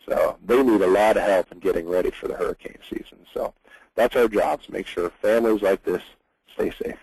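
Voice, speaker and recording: A man's voice: fairly low pitch, a little fast, vocal fry, darkish tone, breathy edge, no echo, low-quality recording. A man presenting as a hurricane scientist in a webinar, explaining earnestly with frequent fillers over a computer mic.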